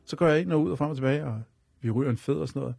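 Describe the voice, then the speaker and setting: A man's voice: fairly high pitch, creaky, loud music behind the voice. A man telling a personal story as a radio guest, in a rambling, repetitive way. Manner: rambling and repetitive, leaning on fillers.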